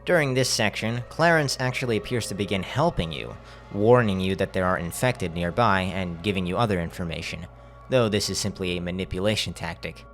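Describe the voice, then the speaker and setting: A man's voice: low voice, fairly quick, fairly bright tone, soft background music. A man narrating a video game critique as a voice-over. He speaks casually and bluntly and swears freely.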